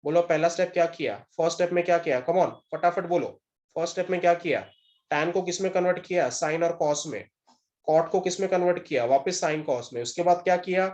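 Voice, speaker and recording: A man's voice: fairly high pitch, fast talker, a little mellow. A man teaching a math class, quizzing his students again and again with short questions and mixing phrases into his talk. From India. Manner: drills students with repeated questions, mixing English into Hindi. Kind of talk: classroom lecture.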